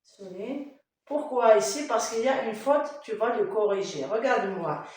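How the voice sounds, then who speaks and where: A woman's voice: a little high, normal speed, a little mellow. A woman teaching a child in class, patiently correcting spelling and sounding out syllables. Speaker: primary school teacher. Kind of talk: dictation lesson with a child. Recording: echoey classroom, mic far off, faint noise.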